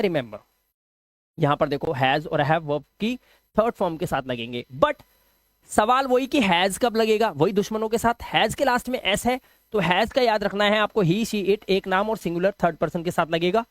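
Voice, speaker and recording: A man with a Hindi accent teaching an English grammar lesson, lively and joking, firing rhetorical questions at his students. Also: high voice, no echo.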